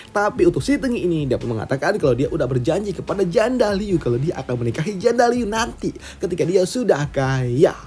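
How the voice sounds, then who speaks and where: A man's voice: fairly high pitch, mellow. A man with an Indonesian accent telling a comic's story in a chatty, slangy way and asking viewers for likes. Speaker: manhua recap narrator. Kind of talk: casual storytelling recap.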